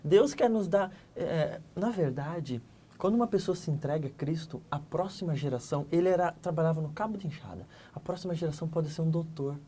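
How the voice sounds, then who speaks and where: Quick, animated man telling his story. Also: fairly high pitch, a little hiss or hum. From Santa Catarina, Brazil. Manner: lively storyteller, acts out dialogue, swings between loud and hushed. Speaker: interview guest. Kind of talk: animated personal testimony.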